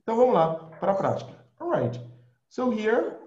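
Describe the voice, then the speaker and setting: Lively Brazilian teacher in an echoey room. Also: male voice, high-pitched. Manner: lively, drills words for repetition, slows down for examples. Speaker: English teacher. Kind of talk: online class, switching between Portuguese and English. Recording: echoey, dull lo-fi audio.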